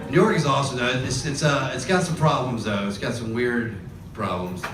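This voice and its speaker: A man from Georgia in the US doing a stand-up set, wry and chuckling through his punchlines, heard from a distance in an echoing club over loud crowd noise. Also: mid-range voice, a little fast. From grew up in Georgia, US. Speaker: stand-up comedian. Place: comedy club stage. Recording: roomy club, far mic, loud crowd.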